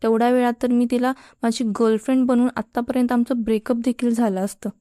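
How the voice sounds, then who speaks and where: A woman's voice: fairly high pitch, flat delivery, fast, mellow, no echo, clean studio sound, natural voice. A woman voicing a cheeky, joking young male college student with a flippant way of talking. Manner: teasing, flippant.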